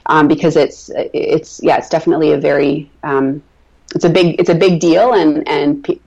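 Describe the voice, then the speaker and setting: Brief: female nurse guest, low gravelly voice, chatty and loose, dull lo-fi radio sound. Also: steady tone, moderate pace, darkish tone. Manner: chatty, with many restarts. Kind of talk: casual interview talk. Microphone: radio show mic.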